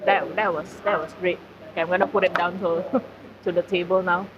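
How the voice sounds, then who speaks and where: A woman's voice: lowish voice, fairly even intonation, a little fast. Chatty woman streaming from a food centre. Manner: chatty, filler-heavy, talks to chat. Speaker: live streamer. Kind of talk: casual food streaming chat. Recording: slightly dull audio, faint background noise.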